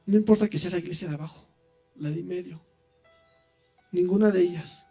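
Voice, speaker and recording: A man giving his testimony in church, telling his story in an animated way and speaking straight to the listeners. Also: high voice, fairly quick, vocal fry, faint music behind. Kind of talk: preaching testimony.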